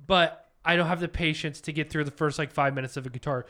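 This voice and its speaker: A man's voice: fairly high pitch, steady tone, fast talker, pushed and bright. A man co-hosting a casual podcast with his partner, rambling and joking about himself. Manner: rambling, self-deprecating, jokey. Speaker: podcast co-host. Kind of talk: casual couple chat.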